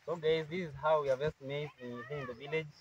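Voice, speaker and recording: A man's voice: fairly high pitch, steady tone, fast, highs cut off. A young man presenting a casual vlog outdoors on a rural farm, talking eagerly to his viewers into a phone held at arm's length. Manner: upbeat presenter, eager audience prompts. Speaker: vlogger. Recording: outdoor farm noise behind.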